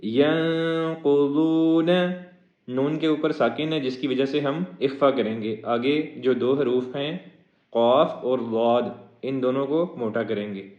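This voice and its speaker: A man teaching a Quran recitation lesson, moving between slow melodic chanting of verses and brisk spoken explanation of pronunciation rules. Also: medium pitch. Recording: echoey, dull lo-fi audio.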